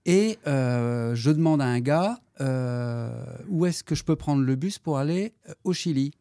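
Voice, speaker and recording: A middle-aged man, a history-geography teacher, answering students' questions in a casual interview, hesitant with many fillers and animated when telling stories. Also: mid-range voice, measured pace, no room sound, clean studio sound.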